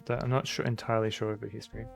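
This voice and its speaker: A man's voice: lowish voice, little pitch movement, racing, vocal fry, music in the background. A man chatting casually on a live stream as he plays a retro adventure game, rambling in an easygoing way.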